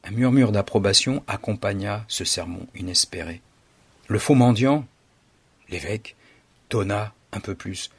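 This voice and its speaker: Husky low-voiced male storyteller. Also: dry recording. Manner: dramatic, measured reading. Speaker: narrator. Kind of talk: scripted story narration.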